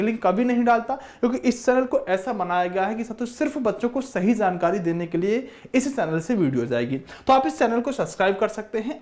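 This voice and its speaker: A man working as an exam coaching teacher explains things informally and emphatically, repeating points and often addressing his students directly. His voice sits high and is a little mellow.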